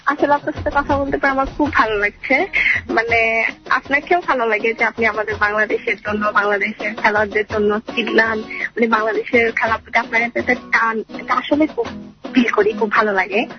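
A woman's voice: on the high side, steady tone, brisk. A chatty woman with a Chittagonian Bengali accent is phoning in to a radio show. She talks easily and teases the hosts. Her voice comes through a slightly dull radio broadcast with faint music underneath. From Chittagong, Bangladesh. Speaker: radio caller. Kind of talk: casual phone-in chat.

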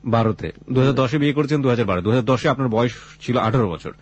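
A man with a Bangladeshi accent and a husky voice hosting a late-night life-story radio show, deliberate and philosophical, slipping in English phrases. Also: medium pitch. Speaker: radio host.

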